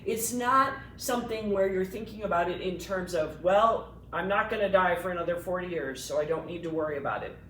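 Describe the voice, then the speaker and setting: A woman attorney co-hosting a casual discussion, explaining things in an animated way and laughing easily. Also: fairly quick, few pauses. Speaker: estate planning attorney, co-host. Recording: echoey room, mic at a distance, faint rumble.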